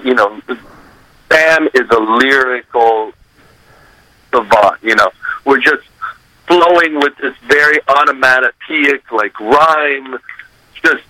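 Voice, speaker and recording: A man with an intensely bright, sharp-edged voice tells a story in a relaxed interview. He acts out the lines of the people in it and sings little melodies to show the music. The sound is close and dry, with no room around it. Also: on the high side, takes it slowly, long pauses, dry recording, rough recording. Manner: animated, acts out quotes and scats melodies; swears casually. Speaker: recording artist.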